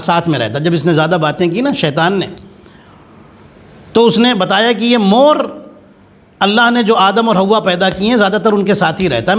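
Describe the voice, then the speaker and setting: A man's voice: high voice, a bit bright. A man cleric delivering a religious sermon, telling a story dramatically with big swings in voice.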